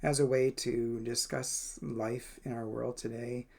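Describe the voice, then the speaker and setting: Reading the day's devotional, this man pauses often and uses fillers as he shares his personal thoughts in a reflective way. His voice is mid-range and creaky, with little pitch movement and a measured pace.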